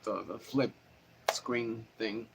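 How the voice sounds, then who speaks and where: Sweating in a hot home studio without air conditioning, a nasal-voiced man who teaches guitar chats casually with viewers, answering their questions. His voice is lowish, gravelly, and steady, and he takes things slowly while rambling with fillers and restarts. The camera mic picks up a fan faintly in the background.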